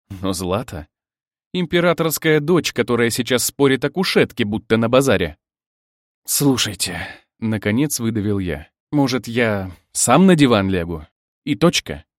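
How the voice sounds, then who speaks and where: A man narrating a story in first person, telling it expressively and lively. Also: mid-range voice, dry recording, studio quality. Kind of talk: audiobook narration.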